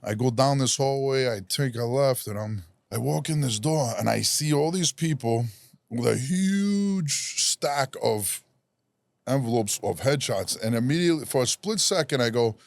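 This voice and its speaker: A man from Rhode Island, a podcast guest, tells a personal story in a loose, animated style and slips into voices for the people he quotes. His voice is gravelly at a middling pitch. The recording is dry and close, with no room sound. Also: moderate pace, no room sound. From Rhode Island, USA. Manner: animated, acts out quoted voices, self-deprecating. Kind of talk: casual storytelling.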